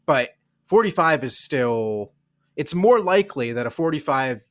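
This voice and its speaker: A man's voice: medium pitch, expressive, unhurried, no room sound. A man hosting a political podcast, talking conversationally, thinking aloud and repeating words as he asks questions. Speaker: podcast host.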